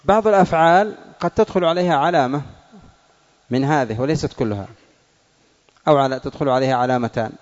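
A man's voice: a little high, quick pace, long pauses, darkish tone, long reverb tail, muffled recording. A male teacher giving a classroom grammar lesson, quizzing pupils and repeating their answers.

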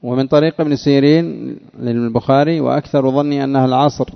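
A man giving a religious lesson. He reads a passage aloud, then explains it in a measured way, asking questions and answering them himself. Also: medium pitch, fairly even intonation, gravelly, lo-fi sound. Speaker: religious teacher. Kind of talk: reading a text aloud and explaining it.

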